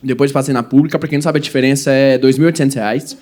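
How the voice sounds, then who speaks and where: A man's voice: mid-range voice, fairly even intonation, darkish tone. A young man from Goiás, Brazil, performing a stand-up comedy set on stage and acting out quoted lines between laughs. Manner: fast storytelling with acted quotes and audience laughs. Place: comedy stage before a live audience.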